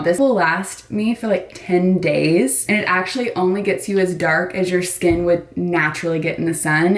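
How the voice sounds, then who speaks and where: A woman's voice: lowish voice, no echo. A woman in her twenties from Florida, chatting upbeat and encouraging in a casual vlog. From Florida, USA. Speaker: vlogger.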